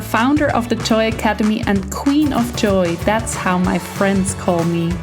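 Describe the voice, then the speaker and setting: A woman hosting a podcast roundtable, upbeat and encouraging as she introduces her guests. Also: medium pitch. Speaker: podcast host. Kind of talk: hosting a casual video roundtable.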